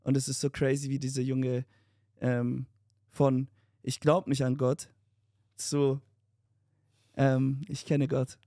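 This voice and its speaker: A young man co-hosting a podcast, telling a story in casual chat, animated and mixing in English slang. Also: mid-range voice, slow pace, long pauses, dry recording, studio quality. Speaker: podcast co-host.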